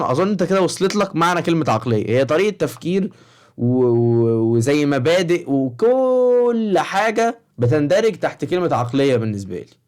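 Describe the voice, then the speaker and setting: A young man with an Egyptian Arabic accent, talking to high school students in a casual, rambling vlog and often checking in with the viewer. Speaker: study-advice vlogger for high school students.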